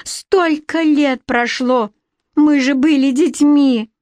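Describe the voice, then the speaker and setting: Spoiled young storybook queen, shrill and whiny, woman reader, high voice, dry booth sound. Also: slow, a little mellow, no echo. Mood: shrill indignant. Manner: shrill, pleading and indignant.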